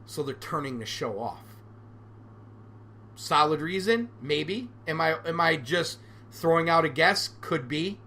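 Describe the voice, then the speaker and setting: A man's voice: on the high side, animated, a little slow, sharp tone, a little hiss or hum. A man in his forties hosting a solo podcast, ranting sarcastically and with animation. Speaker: podcast host.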